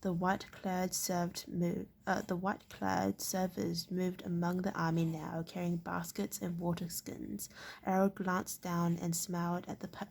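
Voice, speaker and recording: A woman reading a novel aloud, halting and correcting herself as she goes. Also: lowish voice, level tone, gravelly, a little mellow, a little hiss or hum. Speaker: reader.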